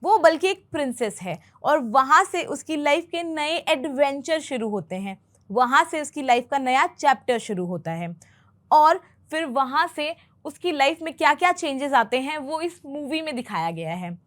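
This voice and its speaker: A woman teaching English who explains film dialogue line by line, patiently repeating phrases slowly for learners. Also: high voice, lively intonation, fairly bright tone.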